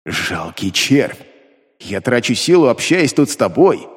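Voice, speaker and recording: A man voicing a contemptuous male demon who speaks inside the hero's head, slow, grumbling and scornful. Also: mid-range voice, big pitch swings, husky. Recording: long reverb.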